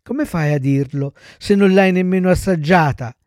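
A man voicing a patient, motherly fairy who speaks calmly and coaxingly. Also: high-pitched, normal speed, dry recording, studio quality, lightly acted.

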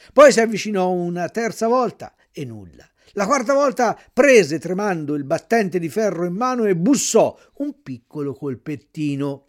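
A man reading a classic children's tale aloud in an expressive storytelling manner. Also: high-pitched.

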